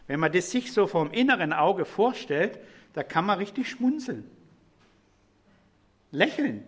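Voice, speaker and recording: A middle-aged man with a fairly high voice delivers a sermon. He explains scripture in an easy, conversational way and speaks straight to his listeners, as if talking with them rather than at them. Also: a bit bright, husky. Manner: conversational, explanatory, addresses congregation directly. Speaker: preacher.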